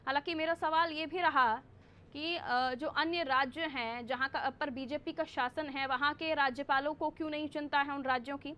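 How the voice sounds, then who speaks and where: A woman anchoring a TV news interview, her voice high and bright. She keeps pushing her guest with sharp follow-up questions. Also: steady tone, normal speed. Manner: presses with pointed follow-up questions.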